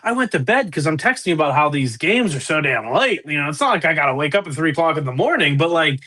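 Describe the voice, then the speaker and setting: A young man with a Pittsburgh accent co-hosting a casual sports podcast, loose and excitable, laughing often. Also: fairly high pitch, fast. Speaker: podcast co-host.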